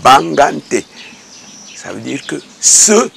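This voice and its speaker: A Cameroonian theater actor speaking as an interview guest, slow and thoughtful, pausing often. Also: male voice, mid-range voice, big pitch swings, creaky, fairly bright tone. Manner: slow, thoughtful, with many hesitations. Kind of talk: casual interview conversation. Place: outdoors at a rural home. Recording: faint outdoor noise.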